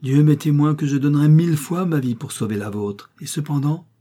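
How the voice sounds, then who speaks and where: A man's voice: on the high side, fairly quick, warm tone, pitched above the performer's own voice, natural voice. A man voicing a proud, devoted young noblewoman, imploring in earnest, declaimed lines.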